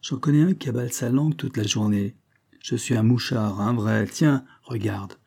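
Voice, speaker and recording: A man's voice: medium pitch, moderate pace, gravelly, darkish tone, husky. A man voicing a small, frail, ironic police agent in a storybook reading, with a teasing, mocking manner.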